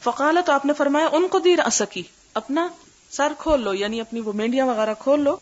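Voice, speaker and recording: An older woman teaching a religious lesson. She recites Arabic slowly, then explains each word and asks her listeners questions. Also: high voice. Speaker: Islamic scholar teaching hadith. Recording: dull lo-fi lecture recording.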